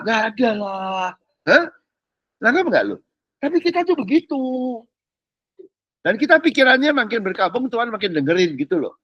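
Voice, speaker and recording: A man's voice: high-pitched, slightly rough, no echo, muffled recording. A man giving a casual, slangy sermon as pastor, often checking that his listeners follow. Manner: animated, slangy, keeps asking "ngerti nggak?".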